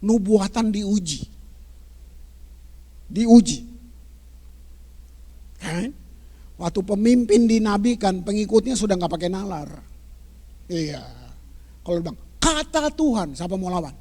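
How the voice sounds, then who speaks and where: A male pastor preaching a lively, emphatic sermon, repeating words for emphasis and swinging from loud to hushed. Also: sits high, slow, pauses often.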